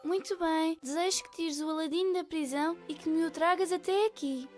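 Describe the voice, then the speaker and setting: A woman voicing a gentle, dainty young frog princess in a cartoon dub, with a European Portuguese accent. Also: very high-pitched, fairly quick, soft background music. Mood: wondering.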